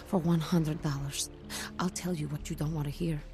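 An actress playing a cryptic, troubled seer in a video game, speaking halting, eerie prophecies in riddles. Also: female voice, sits low, fairly even intonation, dark tone, soft background music, lightly acted. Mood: weary, ominous. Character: cryptic, troubled young female seer telling dark fortunes. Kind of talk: dramatic video game acting. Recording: noisy, with background ambience.

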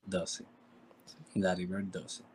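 A man co-hosting a casual sports debate, asking probing questions and cutting in with quick remarks. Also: low-pitched, completely flat delivery, breathy edge. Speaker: podcast co-host.

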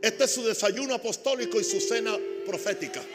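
A man preaching a sermon as a pastor, calling on the congregation to repeat after him and swinging between loud emphatic bursts and quiet asides. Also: high voice, a little fast, long reverb tail, over loud music. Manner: preaching with call-and-response to the congregation.

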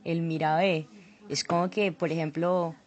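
A woman's voice: deep voice, level tone, unhurried, darkish tone, highs cut off. A woman, a guest voice artist chatting casually on a podcast and explaining with examples.

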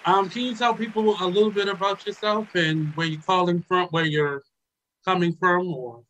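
Male talk host, slightly higher voice, halting and filler-heavy delivery. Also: bright, forceful tone, slight background noise, low-quality recording. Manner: hesitant, many ums and uhs. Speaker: radio show host. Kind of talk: casual reflective talk.

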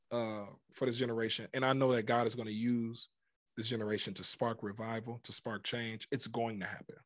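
A man's voice: medium pitch, no room sound, clean studio sound. A man in his twenties, a guest minister, talking about faith in an impassioned, preacherly way with plenty of emphasis. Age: 20s. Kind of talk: casual faith conversation.

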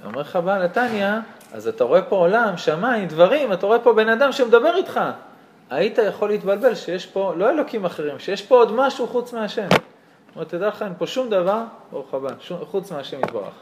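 Male Torah teacher, high voice that swings widely, storytelling and rhetorical questions, faint noise behind. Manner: lively, asks rhetorical questions, tells stories. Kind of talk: animated religious lesson.

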